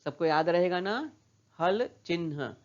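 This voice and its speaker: A woman's voice: fairly low pitch, lively intonation, takes it slowly, lo-fi sound. A woman teaching a primary school lesson, patiently repeating words and asking questions back to the children. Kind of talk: slow classroom lesson for young children.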